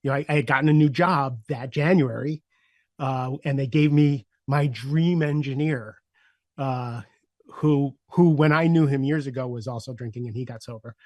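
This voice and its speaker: A man in his sixties appears as a podcast guest, telling his personal story candidly and reflectively with frequent "uh" fillers. His mid-range voice moves at a normal speed and sinks softer at heavy moments, captured in a dry recording.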